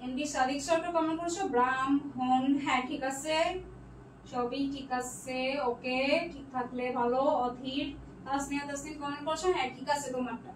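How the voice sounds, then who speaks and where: A woman's voice: sits high, steady tone, normal speed. A young woman teaching a live online class. She reads out student comments and patiently checks their answers one by one, dropping in English words. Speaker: online tutor. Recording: echoey room, distant mic, faint noise.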